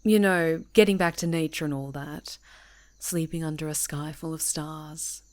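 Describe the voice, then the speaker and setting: In an ASMR roleplay, a woman plays a friendly, chatty, easygoing camper on a woodland retreat, teasing and chatting with an unheard listener. Her voice is low-pitched and steady, a little slow, and the mood is friendly and teasing.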